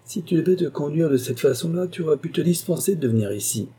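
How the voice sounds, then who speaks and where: A man voicing an irascible older uncle who shouts and bullies in a storybook reading. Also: fairly high pitch, expressive, quick pace, breathy edge, voice pushed up. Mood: angry. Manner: shouting, bullying. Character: irascible elderly male uncle, blustering.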